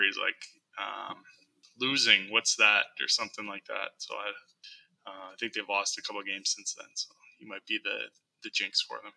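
A young man co-hosting a casual sports podcast, speaking in a halting, deadpan way full of ums and restarts. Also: on the low side, creaky, rough recording. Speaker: podcast co-host.

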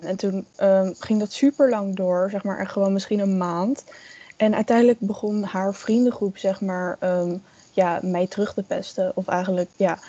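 A woman's voice: medium pitch, mellow, highs cut off. A young woman in casual podcast chat, telling a long personal story with many fillers and quoted asides. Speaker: guest storyteller.

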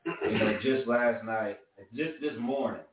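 A man with a drawl hosts a casual chat among truckers. His voice sits at an average pitch. The recording is narrow and boxy, with clear room echo. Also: unhurried, distant mic, noisy background. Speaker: podcast host, truck driver. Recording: boxy roomy sound, off mic, lo-fi.

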